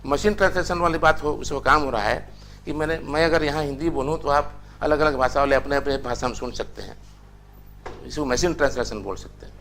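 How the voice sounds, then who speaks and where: A man's voice: on the high side, fairly quick, fairly bright tone, a little hiss or hum. An older man teaching a language class, lecturing in a chatty way and telling anecdotes. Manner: chatty, anecdotal, tells stories with acted quotes.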